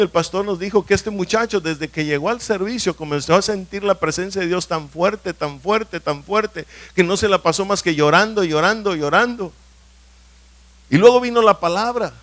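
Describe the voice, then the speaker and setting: Male pastor, somewhat high voice, emphatic sermon delivery in a church hall. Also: fairly bright tone. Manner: emphatic, asks the congregation questions often.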